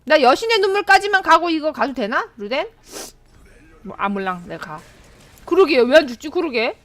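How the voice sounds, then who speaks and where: A woman streaming a game, excitably commenting, yelping and chattering at her own play. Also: sits high, moderate pace, no room sound. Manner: excitable, yelps and chatters at the screen. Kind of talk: live gameplay commentary.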